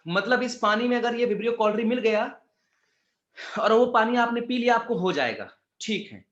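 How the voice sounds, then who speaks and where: A man's voice: very high voice, animated, moderate pace, a bit bright. A man teaching an exam-prep class in a casual, chatty way, calling students "beta" and tossing in jokes and asides. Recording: echoey room, slightly dull sound.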